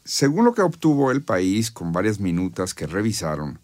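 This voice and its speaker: A man's voice: on the low side, big pitch swings, moderate pace, darkish tone. A man with a Mexican accent offers conversational political analysis, explaining and arguing his points as a panel commentator. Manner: explanatory, argumentative.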